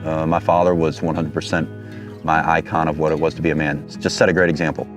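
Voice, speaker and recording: A man in his thirties from Detroit, a Marine captain giving an earnest, halting personal testimony. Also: rumbling low, little pitch movement, music in the background. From Detroit, Michigan, USA. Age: 30s. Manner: earnest, halting, searching for words.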